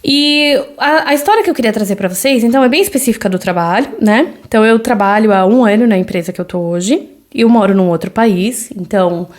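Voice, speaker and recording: A Brazilian woman in her thirties hosts a solo podcast, speaking with a Brazilian Portuguese accent in a mid-range voice at a slightly quick pace. Her talk is loose and conversational, packed with fillers and tag questions.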